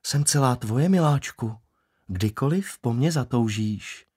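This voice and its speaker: A bold, flirtatious woman colleague, put on by a male audiobook reader, teasing and brazen. The voice rides high and lively, with plenty of movement in the pitch. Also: breathy edge. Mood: flirty. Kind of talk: audiobook character voice.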